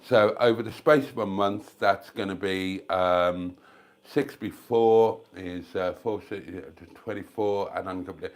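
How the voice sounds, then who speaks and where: Deep, steady and unhurried, this chatty older British man hosts a YouTube livestream of casual, rambling chat. He's congested with a cold and coughing, jokes at his own expense and calls viewers darlings, speaking into a desk microphone at home near the fridge.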